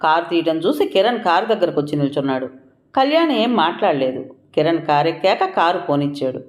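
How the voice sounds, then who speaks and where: A narrator telling a scripted audio story at mid pitch, steady and expressive. The reading echoes around a roomy space. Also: fairly quick. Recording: roomy echoing room.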